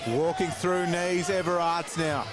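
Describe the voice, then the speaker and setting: A man's voice: a little high, steady tone, measured pace. A man commentating live on fights in a matey, colloquial, conversational way. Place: ringside at a live fight event. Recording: loud music and crowd behind.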